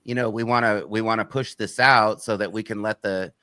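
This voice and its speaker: A man's voice: lowish voice, steady tone, fairly quick, sharp tone, dry recording. A man who runs a true-crime channel, talking as a guest on a video call, hedging and restarting often. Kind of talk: casual panel discussion.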